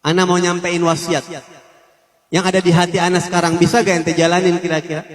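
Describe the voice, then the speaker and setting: A man's voice: sits high, level tone, fairly quick, pitched below the performer's own voice, lightly acted. A preacher voicing a grieving young woman near death. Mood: sorrowful, pleading. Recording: long hall reverb.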